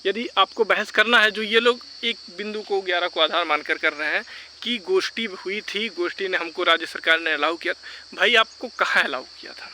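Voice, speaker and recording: Speaking a little fast in a sharp, high voice, a man vlogs advice for exam candidates. His tone is informal and argumentative, and he drives his points home repeatedly while slipping in English words. Some slight background noise can be heard.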